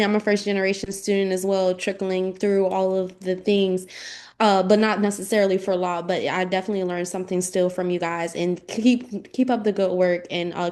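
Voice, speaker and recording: A woman speaking on a video call whose audio keeps cutting out, talking in a halting, friendly and thankful way. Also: lowish voice, fairly even intonation, a little mellow. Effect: glitchy audio cutting out. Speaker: audience member. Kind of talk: casual remarks on a video call. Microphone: video call microphone.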